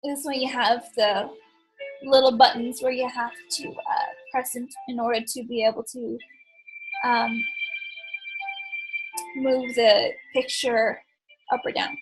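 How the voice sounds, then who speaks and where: A woman's voice: fairly high pitch, flat delivery, slow, pauses often, husky, soft background music, low-quality recording. A woman hosting a let's play, chatting as she plays, thinking aloud, and tossing in sarcastic asides. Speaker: gaming channel host.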